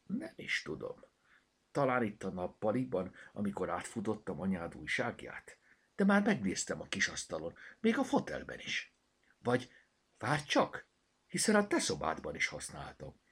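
Man playing a fussy old granny in a storybook, mumbly, kinda husky, raised voice. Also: sits low, huge pitch swings, heavily acted. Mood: musing. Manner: mumbling, fretful. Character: fussy, absent-minded kindly old grandmother.

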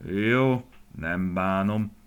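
A man voicing a kindly old grandfather, a former vet, in a storybook, talking calmly and fondly. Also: low-pitched, gravelly, breathy edge, full character voice. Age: older.

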